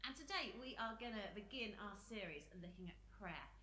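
Preacher, woman, chatty sermon delivery, middle pitch, roomy echo. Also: big pitch swings, fairly quick, bright, forceful tone, soft background music. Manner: friendly conversational preaching with fillers. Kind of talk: sermon introduction.

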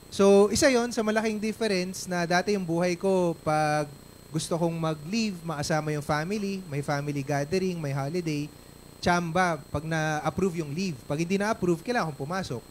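Man, Filipino accent, chatty on-stage storytelling, higher voice, faint background noise. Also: normal speed. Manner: chatty, tags lines with "no?" and "di ba?". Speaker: guest speaker at a company event.

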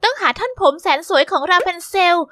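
A woman voicing a flattering, courtly female magic mirror in an animated story. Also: very high-pitched, a little fast, voice pushed up. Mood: fawning.

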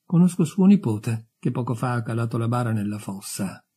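A man's voice: medium pitch, lively intonation, a little fast, dark tone, husky. Man voicing a fawning petty clerk. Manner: fawning, deferential. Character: obsequious petty official, eager to please. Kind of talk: audiobook character voice.

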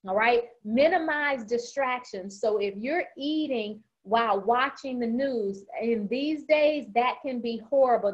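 A woman dietitian with a fairly high voice gives a casual nutrition presentation and talks fast. She is chatty, with frequent "um" fillers. The audio is slightly dull and lo-fi, like an online meeting. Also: a little mellow.

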